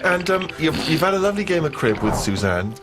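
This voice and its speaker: A man's voice: fairly high pitch, very animated, fast talker, over music. A man co-hosting a comedy chat with dry, sardonic remarks. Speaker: podcast co-host.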